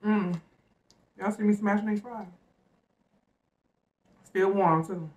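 A woman's voice: medium pitch, steady tone, slow, a little mellow, far from the mic, low-quality recording. A woman hosting an eating show, chatting casually in a laid-back, slangy way while chewing her food. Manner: laid-back, slangy, talks to viewers as "y'all". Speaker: mukbang host.

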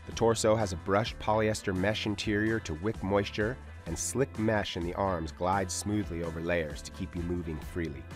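A man reading scripted product copy in a smooth, polished ad voice. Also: deep voice, steady tone, normal speed, hardly any pauses, faint music behind. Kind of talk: scripted narration.

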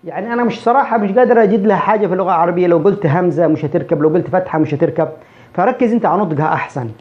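Fast-talking male English teacher. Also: sits high. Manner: repeats example words slowly to demonstrate sounds. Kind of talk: explaining a pronunciation lesson. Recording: dull lo-fi recording.

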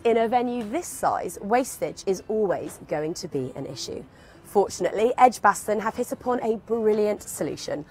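A woman's voice: medium pitch, expressive, moderate pace, darkish tone, a little hiss or hum. A woman presenting an outdoor feature report at a stadium, upbeat and scripted.

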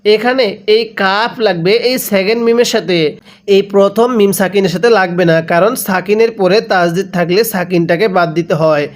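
A man teaching Quran recitation step by step, chanting each word slowly and asking the listener questions he then answers. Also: high-pitched. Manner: drawn-out chanted recitation between brisk explanations.

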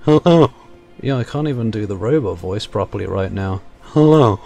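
A man putting on a loud robot voice while hoarse from a cold, only partly managing it. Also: fairly low pitch, lively intonation, moderate pace, faint music behind. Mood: robotic.

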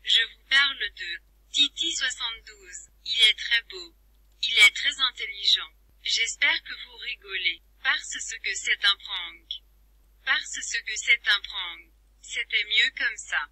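A synthetic text-to-speech woman voice playing a cheeky translator app that taunts the viewers in a flat, computerized delivery. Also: fairly high pitch, takes it slowly, slightly rough, no room sound, exaggerated voice. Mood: mocking. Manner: teasing, insults viewers as losers. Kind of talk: computer-voiced vlog bit.

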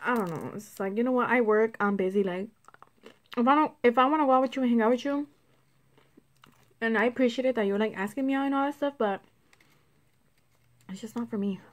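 This vlogger, in her twenties, speaks briskly in a voice on the high side, leaving long pauses as she eats and rambles with fillers in a mukbang chat. She films in a small indoor room at home on a phone at arm's length on a table, picking up background noise and clicks.

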